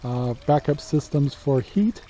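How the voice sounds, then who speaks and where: This homesteading vlogger, a man in his sixties from Central Oregon, USA, has a slightly high, dark-toned voice and talks animatedly but a little slowly. He chats casually and plainly in a rural yard, using many filler words. The sound comes from a handheld camera at arm's length, dull and lo-fi with faint outdoor noise.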